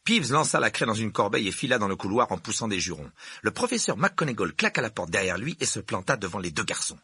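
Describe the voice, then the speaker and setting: Brief: expressive male audiobook reader, lively breathy voice, dry close sound. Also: fairly low pitch, fast talker, no room sound. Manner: expressive, does character voices. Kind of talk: scripted story narration.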